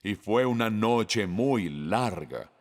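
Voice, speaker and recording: Slow, lively-voiced preaching man, hall reverb. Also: lowish voice. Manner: slow, emphatic preaching with questions to the congregation. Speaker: pastor. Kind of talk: sermon.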